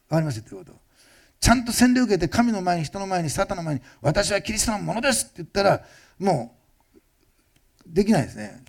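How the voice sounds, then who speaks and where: A male pastor giving a fast-paced, conversational sermon that often turns to ask the listeners questions. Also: a little high, creaky, a little mellow, slightly rough. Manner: fast-talking, admits rushing. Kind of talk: sermon testimony.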